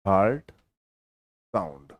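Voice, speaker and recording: A male teacher giving a lesson in a lively, teasing manner, at times explaining loudly and at times mumbling quietly while writing. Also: low-pitched, slow pace, no room sound, muffled recording. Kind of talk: online lecture.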